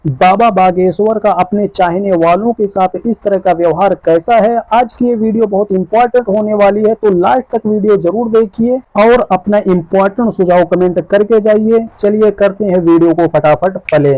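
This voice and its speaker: A man hosting an online video, giving a brisk intro that urges viewers to watch to the end and comment. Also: high voice, dark tone, dry recording, rough recording. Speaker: YouTube channel host.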